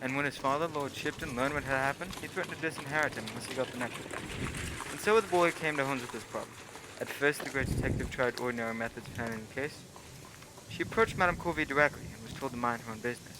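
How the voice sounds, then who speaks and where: A man's voice: mid-range voice, quick pace, natural voice. A man playing a genial, loyal doctor who courteously tells his old adventures in a radio play. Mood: storytelling. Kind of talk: old-time radio play narration and dialogue. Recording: clearly noisy background.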